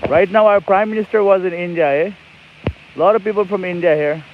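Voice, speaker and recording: A Nepali man hosts a livestream from his phone while riding an e-bike outdoors, chatting cheerfully and rambling. His voice is high-pitched with fairly even intonation and a slightly fast pace. The lo-fi phone audio carries loud outdoor noise.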